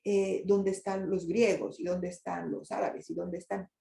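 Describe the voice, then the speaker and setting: A woman's voice: on the low side, level tone, a little slow, vocal fry, mellow, echoey room. An older woman giving a talk to an audience, asking rhetorical questions as she goes. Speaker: lecturer on migration and grief. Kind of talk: presentation to an audience with slides.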